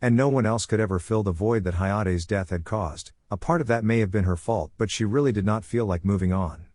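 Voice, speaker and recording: A man reading a fan-written story aloud in a steady, even narration. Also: lowish voice, fairly quick, dry recording, studio quality.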